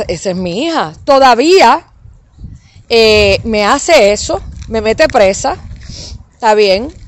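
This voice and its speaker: A middle-aged Puerto Rican woman with a Puerto Rican Spanish accent, telling a family story with emphasis and English words mixed in. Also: mid-range voice. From Puerto Rico. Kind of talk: emotional personal account.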